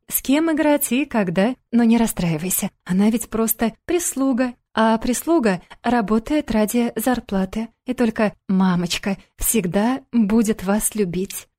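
Brief: sneering, sugary blonde ex-wife from an audiobook, read by a woman, a mellow voice lifted a little higher. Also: a little slow, few pauses. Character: scornful mocking blonde ex-wife and mother.

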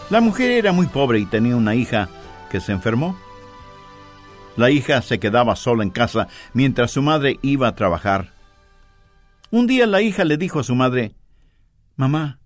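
A man preaching a dubbed sermon, telling a story with expressive delivery. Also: medium pitch, dry recording, clean studio sound.

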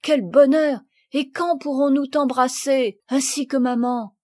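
A woman's voice: high-pitched, moderate pace, a little mellow, no room sound, studio quality, voice pushed up, natural voice. A woman doing a tender, eager little girl. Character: affectionate young girl, warm and eager.

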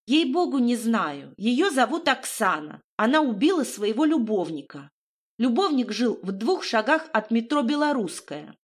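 A woman's voice: on the high side, breathy edge, full character voice. A woman voicing a self-assured young woman in an audiobook, coaxing and insistent. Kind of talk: audiobook reading.

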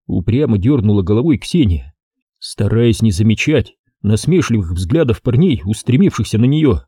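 A man reading an audiobook with a lively, expressive narration. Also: fairly low pitch, moderate pace, husky, no room sound, clean studio sound. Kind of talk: scripted narration.

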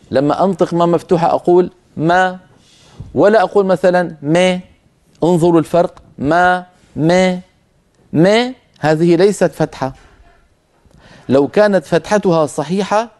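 A man teaching Quran recitation in a filmed lecture. He sounds out letters slowly and repeatedly and speaks directly to his listeners as brothers and sisters. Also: a little high, warm tone. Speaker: tajweed teacher. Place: filmed lesson with a camera crew.

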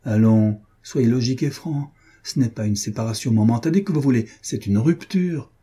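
An indignant, heartbroken woman pleads and reproaches her lover in impassioned bursts, as a male audiobook reader voices her. The tone is deep and mellow with a husky grain. It is a classic storybook read aloud. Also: normal speed, natural voice. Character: wounded, furious woman confronting her lover. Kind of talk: audiobook reading of a classic novel.

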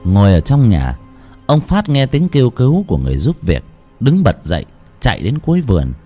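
A male storyteller narrating a horror tale in a theatrical, suspenseful way. His mid-pitched voice swings up and down very widely, with faint music behind him. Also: huge pitch swings, fairly quick, warm tone.

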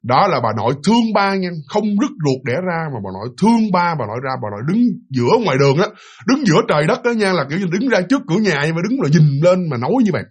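A man's voice: high-pitched, fast talker, husky. A man with a Southern Vietnamese accent telling a ghost story casually, talking to his listeners with many fillers. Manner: animated, filler-heavy, addresses listeners.

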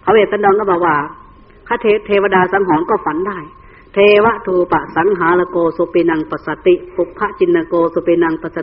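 A man's voice: high voice, breathy edge. A man, a Buddhist monk telling a story in a sermon and acting out the figures. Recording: tinny phone-like recording.

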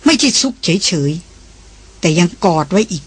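An audiobook narrator reading a novel in a measured, unhurried way, with a husky voice. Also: medium pitch, sing-song. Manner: measured and unhurried, with drawn-out phrases.

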